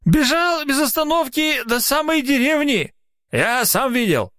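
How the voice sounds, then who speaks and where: A shrill toothless old watchman. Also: expressive, a bit bright, full character voice. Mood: grumbling. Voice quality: mumbling, lisping through a toothless mouth. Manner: shrill, quick to panic. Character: toothless old village watchman, superstitious, grumpy.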